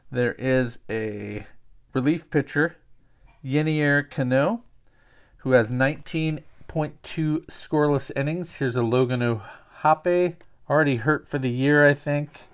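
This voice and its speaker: A man's voice: mid-range voice, slow pace, clear, resonant tone. A man hosting a casual card-opening show, joking and rambling as he names each card. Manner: jokey, rambling, trades banter with viewers.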